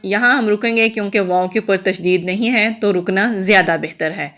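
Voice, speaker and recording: A woman's voice: mid-range voice, a bit bright. A woman, a Quran recitation teacher going patiently through each letter and rule step by step. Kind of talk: step-by-step tajweed lesson.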